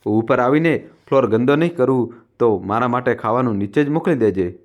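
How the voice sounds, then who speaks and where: A gentle elderly widowed mother from a storybook tale, soft-spoken and pleading, her words coming out hesitant and meek, as a male narrator reads her part. The delivery stays close to an ordinary reading voice at a middle pitch. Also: a little fast, muffled recording, lightly acted.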